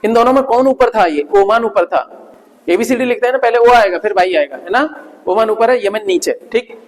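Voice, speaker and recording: A man's voice: high voice, brisk. A male coaching teacher giving a revision lecture, asking his students questions and answering them himself, repeating key points as memory tricks. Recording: long hall reverb.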